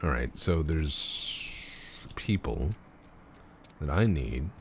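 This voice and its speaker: A man's voice: extremely low pitch, expressive, extremely slow, gravelly, slight background noise. A man hosting a gaming video with casual, jokey, crude commentary and some swearing. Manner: jokey, crude, sweary, plays around with silly voices.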